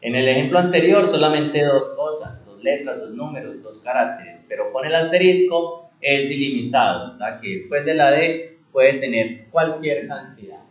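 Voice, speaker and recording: A man's voice: medium pitch, lively intonation. Man teaching in an echoey classroom. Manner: asks rhetorical questions and answers them himself; repeats key words, stretches words slowly for emphasis. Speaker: computer class instructor. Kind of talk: classroom teaching with questions to students.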